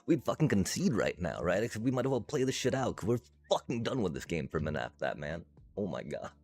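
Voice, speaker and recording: Brief: deep, gravelly male streamer, swears and laughs through his frustration. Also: big pitch swings, quick pace, a little mellow, faint music behind. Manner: frustrated, profane ranting with frequent laughs. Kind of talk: casual gameplay commentary.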